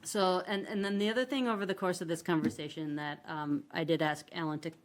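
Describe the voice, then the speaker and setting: A woman briefs a city council as its assistant administrator, her voice pitched low. She moves haltingly through the items, filling gaps with "um" and correcting herself mid-word. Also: fairly even intonation. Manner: halting, many filler ums and restarts. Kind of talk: presenting agenda items at a city council meeting.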